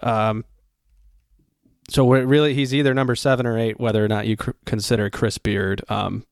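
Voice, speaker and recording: A podcast co-host with a medium-pitched, clear, resonant voice speaks at a normal pace in a flat delivery, recorded in a clean studio with no echo. On this casual sports show, he rambles through coaching stats, piling them up with lots of ums and restarts.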